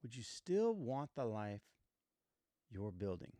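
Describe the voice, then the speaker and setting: A man's voice: medium pitch, very animated, slow, mellow, dry recording. A man in his fifties hosting a reflective motivational monologue, earnest and emphatic, repeating points and asking rhetorical questions. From United States. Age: 50s. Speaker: podcast host.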